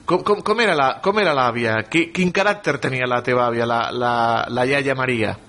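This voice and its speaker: A male radio host introducing a guest and asking him questions in a brisk, friendly way. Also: mid-range voice, pushed and bright. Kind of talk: radio magazine interview.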